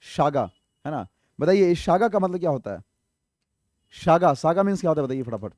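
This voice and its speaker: A man's voice: on the high side, animated, brisk, darkish tone, dry recording, clean studio sound. A man teaching English vocabulary for an exam, explaining each word, spelling some letter by letter, and asking his viewers questions that he answers himself. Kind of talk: exam-prep vocabulary lesson.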